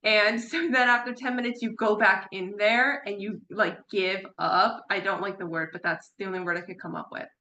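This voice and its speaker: A woman's voice: medium pitch, a little fast, hardly any pauses, pushed and bright, dull audio, slight background noise. A woman who is a parrot behavior consultant, giving a chatty online lecture from a room at home with her birds, repeating words for emphasis and laughing now and then. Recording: echoey room.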